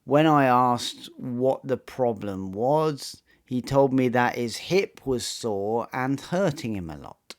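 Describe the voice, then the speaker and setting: Male narrator, mid-pitched, crisp and unhurried; measured scripted storytelling. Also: lively intonation. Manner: slow, measured, matter-of-fact storytelling.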